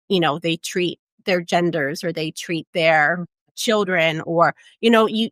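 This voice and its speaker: A woman in her forties, a travel advisor raised in Portugal, telling her career story in a relaxed interview with many "um"s and tag questions. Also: on the low side, no echo. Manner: reflective, storytelling, frequent "um" and "right?". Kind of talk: conversational interview.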